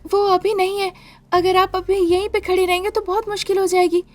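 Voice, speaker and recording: A frightened young wife in a cartoon story, as a woman puts her on. She pleads in a very high, strained voice, close to tears. Faint music plays underneath. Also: little pitch movement, fairly quick. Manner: pleading, tearful.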